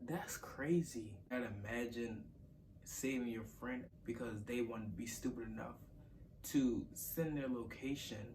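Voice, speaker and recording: A man's voice: medium pitch, measured pace, a little mellow, a little hiss or hum. A man hosting a reaction video, chatting casually in a loose, offhand way with fillers. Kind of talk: casual chat. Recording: distant mic with hip hop music.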